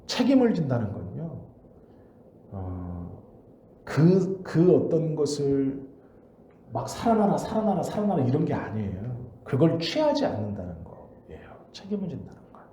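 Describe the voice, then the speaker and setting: Male pastor preaching in a roomy church, animated delivery, very mellow tone. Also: medium pitch, unhurried, slight background noise. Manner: emphatic preaching with rhetorical questions. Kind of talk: sermon. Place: church sanctuary.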